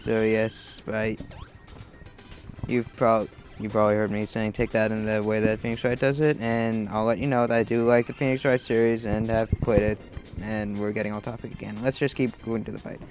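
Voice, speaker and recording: A man giving casual let's play commentary over gameplay, rambling through tangents and game trivia, with sudden excited outbursts at the screen. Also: fairly low pitch, normal speed, faint music behind. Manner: bursts of excited shouting at the game.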